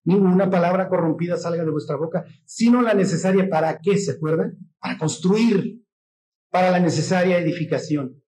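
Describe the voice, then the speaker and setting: A man with a Mexican accent preaching a sermon in a lively, joking way, often acting out the voices of the people in his stories. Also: high voice, fairly quick. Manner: mimics voices in quotes. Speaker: pastor.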